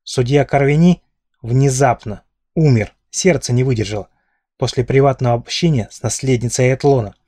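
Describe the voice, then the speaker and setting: A man's voice: medium pitch, moderate pace, mellow, dry recording, studio quality, natural voice. A man voicing a furious, menacing male lord in an audiobook, growling and accusing with hatred.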